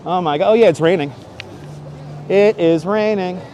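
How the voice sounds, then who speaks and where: A livestream host with a high, mellow voice speaks at a moderate pace while exploring busy Manhattan streets. He keeps up a playful, exclamatory chat with his viewers through a wireless clip-on mic, with outdoor street noise around him.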